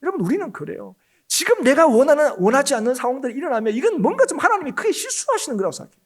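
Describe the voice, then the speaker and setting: A man's voice: very high-pitched, big pitch swings, rapid-fire. A male pastor preaching a Sunday sermon, emphatic and often calling out to the congregation. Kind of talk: Korean church sermon. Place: church sanctuary.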